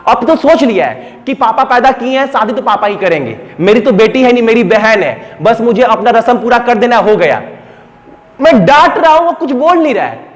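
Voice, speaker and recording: Very high-voiced young man, echoing hall. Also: moderate pace. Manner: blunt, animated retelling with repetitions. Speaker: exam coaching teacher. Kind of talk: storytelling motivational talk. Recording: long hall reverb.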